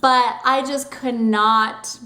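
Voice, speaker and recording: A woman's voice: a little high, steady tone, takes it slowly, sharp tone. A young woman hosting a book vlog, talking casually and rambling with lots of "like" fillers. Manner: chatty and rambling, heavy use of "like". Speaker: book vlogger. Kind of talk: casual chat to camera. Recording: roomy echo.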